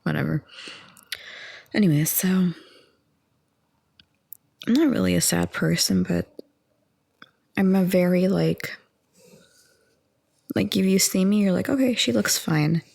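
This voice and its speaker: A young woman in her twenties rambles in a calm, soft-spoken ASMR chat, laughing lightly now and then. Her voice sits a bit low, husky and full of vocal fry. It is recorded close up and dry. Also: takes it slowly, pauses often, no room sound. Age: 20s. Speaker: ASMR audio creator.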